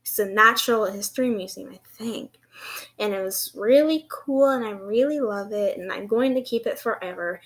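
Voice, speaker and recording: A woman's voice: medium pitch, moderate pace. A young woman with a lisp that turns s slushy, like sh, chatting casually in a hesitant, giggly, self-deprecating way for a vlog. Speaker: vlogger. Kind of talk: casual rambling vlog chat.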